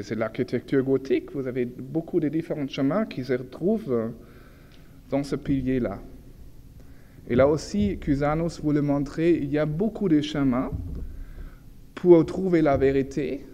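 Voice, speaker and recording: A man with a German accent, a native German speaker, gives an informal illustrated lecture in French, halting as he searches for words and corrects himself. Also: mid-range voice, mellow, dull audio. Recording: echoey hall with long reverb, background noise.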